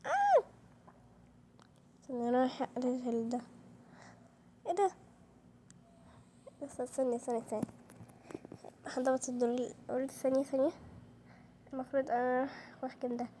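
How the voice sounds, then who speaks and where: A woman with an Egyptian Arabic accent, narrating a game role-play in a playful, animated way and voicing its characters in formal Arabic. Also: sits high, a little fast, long pauses, a little hiss or hum. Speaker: channel host.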